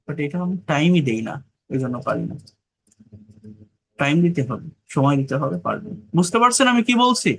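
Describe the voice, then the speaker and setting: English tutor, Bengali-man, slightly high voice, slow repeated reading then brisk coaching. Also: sing-song, vocal fry, husky. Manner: slow, repeats phrases while reading dialogue. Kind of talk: online English class.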